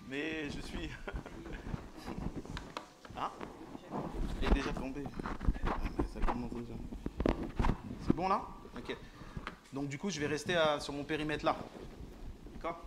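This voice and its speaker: A man's voice: on the high side, takes it slowly, pauses often, very noisy. Man preaching to a church. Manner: joking, teasing, questions the audience. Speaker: lay preacher. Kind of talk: informal sermon to a congregation. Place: church hall.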